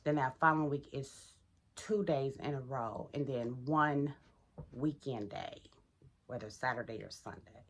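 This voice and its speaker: A woman's voice: rumbling low, a little slow. A middle-aged woman vlogging casually while getting ready, chatty and talking to viewers as y'all, in a groggy morning voice. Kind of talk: casual get-ready-with-me vlog.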